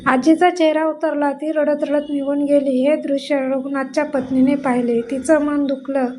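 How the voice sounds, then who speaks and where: Woman, devotional story narration, high pitch, steady reading with small restarts. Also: moderate pace, a little hiss or hum, rough recording.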